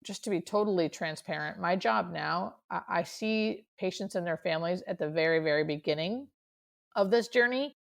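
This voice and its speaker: A woman's voice: lowish voice, normal speed, gravelly. A woman speaking as a hospice nurse in an interview, earnest and reflective, often repeating words for emphasis. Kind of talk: conversational interview answers.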